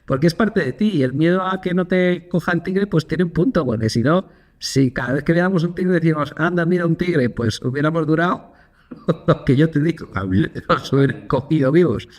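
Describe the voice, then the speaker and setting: A man's voice: a little high, normal speed. A man co-hosting a casual podcast, telling anecdotes and acting out quotes with energy. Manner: animated storyteller, acts out quotes. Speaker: podcast co-host.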